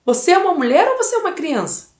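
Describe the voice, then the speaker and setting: A woman's voice: extremely high pitch, very animated, fast talker, roomy sound. A mother giving life advice in an emphatic motivational talk, repeating key phrases and asking the listener direct questions.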